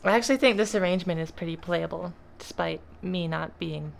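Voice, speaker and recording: A woman explaining a guitar piece in a casual tutorial, relaxed and self-deprecating, trailing off with fillers. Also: fairly low pitch, brisk, creaky, slight background noise. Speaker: guitar teacher. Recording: guitar playing loudly behind. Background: acoustic guitar.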